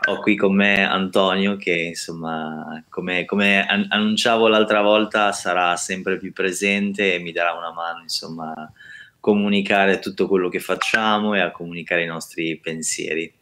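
Man, interview guest, very deep voice, calm explaining. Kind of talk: casual interview.

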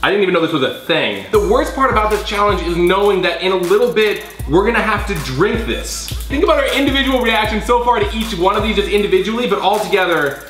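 A young man hosting a challenge video, excitable and hyped, counting down loudly before each dare. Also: high voice, fast talker, few pauses. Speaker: YouTube host. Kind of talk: energetic challenge video chat. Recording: roomy sound with music behind.

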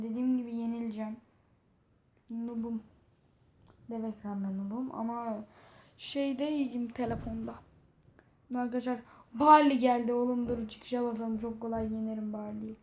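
A woman hosting a gaming video, commenting excitedly as she plays and talking to the game. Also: fairly high pitch. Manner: excitable, talks to the game, frequent exclamations. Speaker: gaming channel host. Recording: roomy echo.

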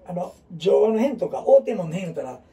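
A middle-aged man with a Kansai accent teaches in a loose, rambling way, dotting his talk with fillers and asides. His voice is high for a man, gravelly and mellow, and it swings a lot in pitch. He sounds a little distant from the microphone. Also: big pitch swings, brisk. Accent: Kansai Japanese. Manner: rambling, talks in dialect with many fillers and asides. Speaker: teacher of a group. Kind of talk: casual classroom talk.

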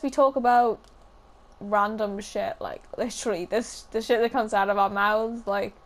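A fourteen-year-old girl with a Welsh accent chatting casually in a vlog, giggling often and saying "like" a lot. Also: medium pitch. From Wales. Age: teens. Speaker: gaming YouTuber. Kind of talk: casual vlog chat over gameplay.

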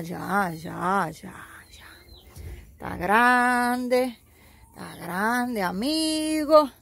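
A woman's voice: fairly high pitch, husky. A woman filming her goats and sheep in an outdoor pen, talking to the animals in a soothing, cooing way and laughing often. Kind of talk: casual phone vlog with animals. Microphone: handheld phone.

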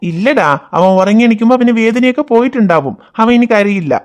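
A performer voicing a patient cartoon father who calmly reassures his children and explains things to them. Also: medium pitch, brisk, close to an everyday voice. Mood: gentle. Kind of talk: cartoon voice acting.

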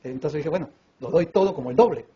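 Fast-talking Peruvian man telling a story. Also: on the high side, slightly rough. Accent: Peruvian Spanish. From Peru. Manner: animated storyteller who acts out dialogue voices, with many fillers. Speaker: preacher. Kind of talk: sermon testimony, storytelling. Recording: dull lo-fi recording with faint room noise.

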